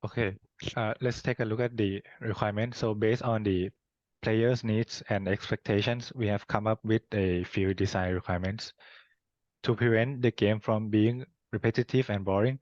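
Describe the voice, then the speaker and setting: A man's voice: lowish voice, a little mellow, no echo. Young man over muffled video call audio. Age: young adult. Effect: heard through a video call screen recording. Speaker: student presenter. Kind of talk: formal class project presentation. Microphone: computer mic on a video call. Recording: dull, dry online call audio.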